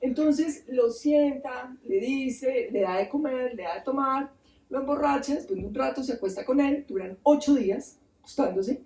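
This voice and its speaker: A woman's voice: high-pitched, normal speed. A woman author telling a mythology story to an audience at a bookstore talk, acting out the voices and often asking the room questions. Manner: animated, acts out voices, asks the audience. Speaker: author giving a book talk. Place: bookstore event space. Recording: roomy, distant mic.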